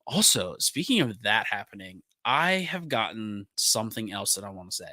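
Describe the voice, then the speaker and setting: Young man, bright tense voice, dry close sound, animated storytelling. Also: on the low side, moderate pace, no room sound. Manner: animated storyteller, laughs often. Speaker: podcast co-host. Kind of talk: casual chat.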